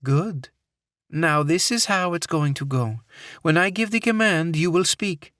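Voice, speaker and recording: A man voicing a cold, vengeful female terrorist with a smooth voice and a Middle Eastern accent, taunting and menacing in an audiobook. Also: a little high, animated, a little slow, fairly bright tone, dry recording, studio quality, pitched above the performer's own voice. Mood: coldly menacing.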